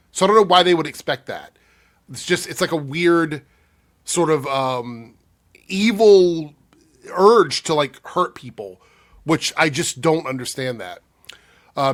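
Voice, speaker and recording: Breathy man with a cold, chatting casually. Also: mid-range voice, a bit bright. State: under the weather with a cold. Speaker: YouTube commentator. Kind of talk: casual talk answering viewer comments.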